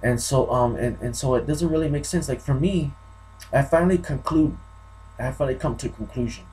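A man's voice: mid-range voice, brisk, warm tone, low-quality recording. A man from New Mexico giving an unscripted vlog monologue, rambling and often repeating himself and restarting. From New Mexico, USA. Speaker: vlogger.

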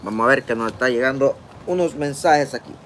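Eating at a park table outside, this livestream vlogger, a man in his forties with a Honduran Spanish accent, reads the chat and casually says hello to viewers by name. The close phone camera captures a medium-pitched, fairly quick, fairly bright voice over slight background noise.

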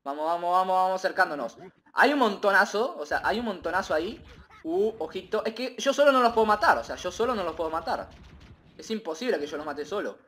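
Brief: male gamer, rambling live commentary, very lively swooping delivery. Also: high voice, quick pace. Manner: excitable, rambling, repeats himself, bursts into shouts. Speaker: gaming video creator.

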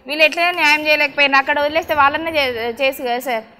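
A woman's voice: high-pitched, rapid-fire, bright, forceful tone. A woman, a grieving mother, pleading in a distressed voice.

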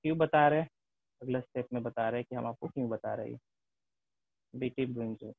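A man's voice: mid-range voice, fairly quick, gravelly, dry recording. Guy teaching a class, keeps asking "right?", tinny dry sound. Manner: mixes English terms into Hindi, repeats tag questions. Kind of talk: classroom lecture.

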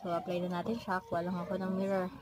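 Hoarse Filipino woman, quiet review. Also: lowish voice, level tone, fast talker. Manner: speaks softly, holding her voice back. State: hoarse, voice partly lost. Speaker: beauty vlogger. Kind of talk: casual makeup review. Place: her bedroom in a family house. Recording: noisy home room with TV behind. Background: TV and relatives' noise from nearby rooms.

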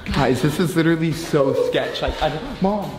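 A young man, excitedly exploring an abandoned building on camera, gasping and dropping to whispers. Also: on the high side, normal speed, noisy background. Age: young adult. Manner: excited, jumpy, loud gasps and hushed whispers. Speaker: vlogger. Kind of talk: live exploration vlog. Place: inside an abandoned concrete building. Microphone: handheld camera. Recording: echoey bare-walled room.

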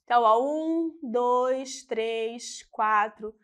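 Slow, high-voiced Brazilian woman teacher. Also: fairly bright tone, smooth. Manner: patient, counts aloud, checks in with frequent tag questions. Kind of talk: classroom lesson.

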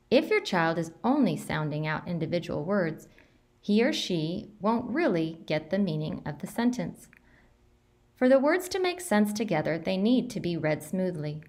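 Woman, lowish pitch, gravelly fry, deliberate instructional delivery, scripted explainer narration, school principal.

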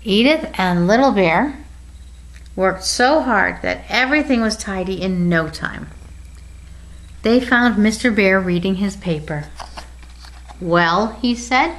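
An older woman reading a children's picture book aloud with gentle, expressive pacing. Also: medium pitch, unhurried, rough recording. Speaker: storybook reader.

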